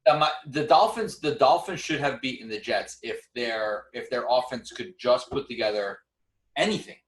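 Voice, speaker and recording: A man co-hosting a casual sports debate, animated and often restarting his sentences as he argues. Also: mid-range voice, normal speed, distant mic. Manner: animated, stumbles and restarts when arguing. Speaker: co-host. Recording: echoey room, away from the mic.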